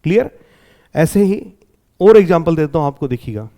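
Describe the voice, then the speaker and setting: An Indian man teaching an exam-prep English lesson, explaining step by step and often asking whether it is clear. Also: a little high, expressive, normal speed, mellow. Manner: explains step by step, checks in with 'clear?'.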